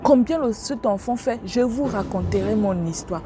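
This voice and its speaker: A woman recounting her faith testimony in a storytelling voice of middling pitch, speaking straight to her listeners. She acts out each exchange with rising and falling tones, and a faint hum of noise sits under her voice. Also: normal speed. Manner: animated, acts out dialogue with shifting pitch; religious exclamations, addresses listeners directly. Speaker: believer sharing a testimony.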